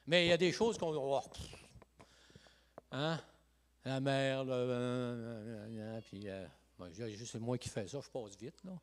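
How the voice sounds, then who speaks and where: A male pastor from Lac-Saint-Jean with a Quebec French accent, giving a lively, joking evangelical sermon full of "hey" and "amen" interjections. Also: mid-range voice, unhurried. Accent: Quebec French, Saguenay–Lac-Saint-Jean. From Quebec, Lac-Saint-Jean region. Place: church sanctuary.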